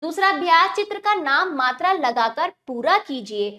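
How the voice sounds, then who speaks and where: A woman with a high voice teaches a grammar lesson to young children. She patiently asks the class questions and then answers them herself. When she spells out example words, she slows down and stresses each one. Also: lively intonation, pushed and bright.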